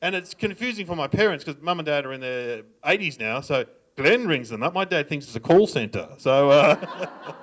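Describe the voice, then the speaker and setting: A man's voice: a little high, animated, moderate pace, a bit bright. A middle-aged Australian man telling funny stories at a live stand-up show, laughing and mimicking. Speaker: comedian. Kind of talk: stand-up storytelling. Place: library event room.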